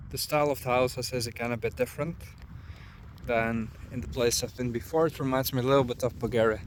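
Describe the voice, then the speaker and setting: A young man vlogging while walking outdoors through a small town, musing aloud in a relaxed, casual way. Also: medium pitch, a little fast, slight background noise. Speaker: travel vlogger. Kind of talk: casual walking vlog narration.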